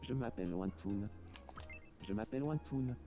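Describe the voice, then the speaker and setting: A man's voice: fairly low pitch, normal speed, gravelly, dark tone, soft background music. A synthetic male voice speaking for a player's game avatar, with clipped, computer-made delivery. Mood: flat greeting.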